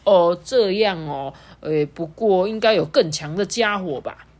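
A woman's voice: on the low side, a little slow, a little mellow. A woman doing a hesitant old tyrannosaurus. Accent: Taiwanese Mandarin. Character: old male tyrannosaurus, gruff but softening.

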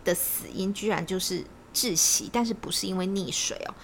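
Woman cohost telling stories, kinda gravelly, lots of quick "right right right", bit of noise. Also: mid-range voice. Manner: chatty storyteller, quick repeated agreement. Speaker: podcast co-host. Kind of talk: casual podcast chat.

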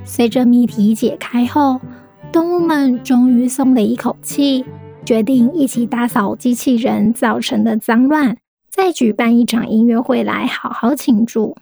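A woman with a Taiwanese Mandarin accent reads a children's story aloud in a gentle, explaining manner. Her voice sits fairly high but sounds mellow and warm. Faint music plays softly behind her. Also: a little slow, creaky, dry recording. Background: soft background music.

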